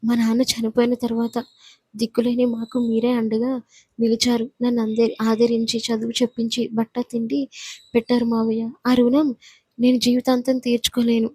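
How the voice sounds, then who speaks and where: A woman's voice: a little high, flat delivery, normal speed, mellow, husky, dry recording. A woman voicing a desperate, tearful young bride who pleads her case. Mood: pleading.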